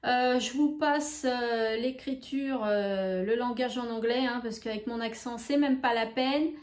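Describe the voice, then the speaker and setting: A woman showing beauty products in a casual vlog, talking in an unhurried, hesitant way with many fillers. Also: on the high side, reverberant. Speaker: beauty vlogger. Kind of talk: casual haul video.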